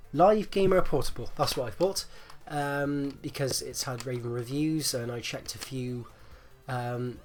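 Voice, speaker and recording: A man with a rattly, congested chest from flu, giving casual, rambling gameplay commentary with hesitant repetitions. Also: mid-range voice. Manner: hesitant, rambling, repeats himself. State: phlegmy, getting over flu. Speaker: gaming video host.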